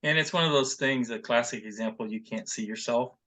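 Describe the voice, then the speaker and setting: A man co-hosting a podcast chat, measured and storytelling, with occasional hesitations. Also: medium pitch, bright, forceful tone. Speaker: podcast co-host. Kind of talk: casual panel chat.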